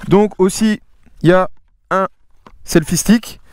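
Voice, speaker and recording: A man's voice: sits high, slow, a little mellow, no echo. Casual sweary man showing off gear. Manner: slangy, sweary, hesitant. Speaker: vlogger presenting a camera. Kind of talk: casual hands-on product presentation.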